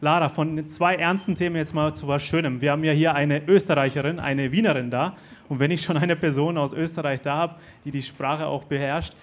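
Man, fairly high voice, live interview host, casual, addresses the audience.

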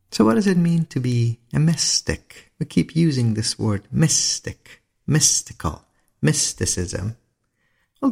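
A man speaking slowly and deliberately in a reflective spiritual talk, pausing for effect. His voice is gravelly and a little husky, and his pitch rises and falls a great deal. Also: a little mellow. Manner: slow, deliberate, with dramatic pauses. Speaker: lecturer on mysticism.

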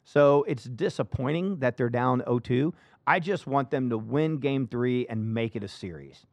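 A man hosting a casual sports talk show, emphatic and animated, often restarting his sentences. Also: medium pitch, moderate pace, no room sound.

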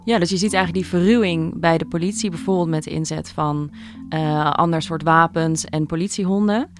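A female host asking measured questions and summarizing what her guest says. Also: sits low. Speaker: podcast host. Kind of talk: interview questions.

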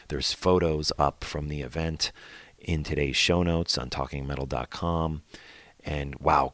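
Very deep-voiced podcast host, bright tone. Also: male voice, no room sound. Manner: upbeat, chatty, enthusiastic. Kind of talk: casual podcast intro and plugs.

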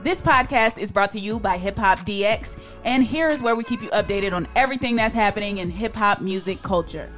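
A woman co-hosting a podcast in an expressive, informal, conversational way. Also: mid-range voice, a little fast, few pauses, faint music behind. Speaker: podcast co-host.

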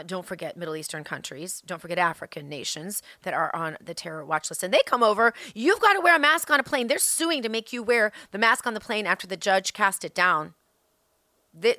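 A woman with a bright, forceful voice hosts a political podcast, recorded close and dry. She speaks emphatically in an opinionated monologue, repeating key phrases and throwing rhetorical questions at her listeners. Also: lowish voice, no room sound. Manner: emphatic, with deliberate repetition for effect.

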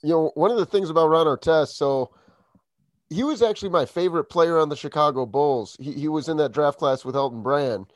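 A young adult man hosting a podcast, reminiscing in relaxed casual chat. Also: on the high side, fairly quick, no room sound, studio quality. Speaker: podcast host.

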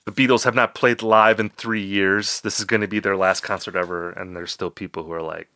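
A man co-hosts a music podcast, chatting casually and playfully with his co-host and slipping into put-on accents. His voice is lowish, steady and sharp, and he talks fairly quickly. There's no room sound.

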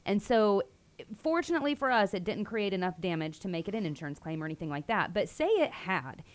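A woman's voice: medium pitch, sing-song, brisk. A woman hosting an interview, chatty and playful, laughing easily and using light sarcasm. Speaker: show host. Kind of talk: casual interview talk.

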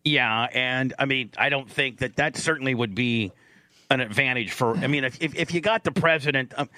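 A man's voice: medium pitch, moderate pace, pushed and bright, dry recording. A man hosting a talk show, speaking in a casual, direct style. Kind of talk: casual opinionated talk and ad reads.

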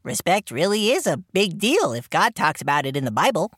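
Larry the Cucumber: a goofy cucumber. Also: male voice, sits high, fairly quick, dry recording, studio quality, heavily acted. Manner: goofy, excitable, rattles off lists. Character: silly, eager male cucumber sidekick. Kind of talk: cartoon audio play.

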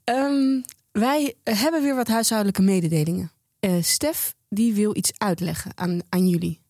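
A woman co-hosting a chat podcast, opening the show and dropping dry, wry remarks. Her voice is mid-pitched and husky, recorded close and dry. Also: moderate pace, mellow, no room sound. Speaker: podcast co-host. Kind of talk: casual chat.

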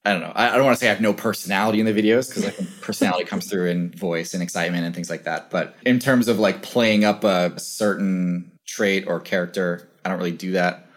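A young man speaking as an interview guest over a video call, musing thoughtfully with lots of "like" fillers. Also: low voice. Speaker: interview guest, channel creator. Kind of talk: casual conversational interview.

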